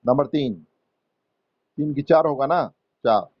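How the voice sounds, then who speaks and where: A man teaching English grammar to students, slow and patient, repeating words and quizzing the class. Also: a little high, no echo, lo-fi sound. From India. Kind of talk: Hindi-English grammar lesson.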